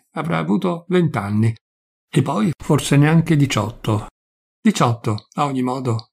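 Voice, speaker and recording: A man reading a literary story aloud in a measured storytelling manner, lightly voicing the dialogue. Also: mid-range voice, gravelly, breathy edge. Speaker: reader.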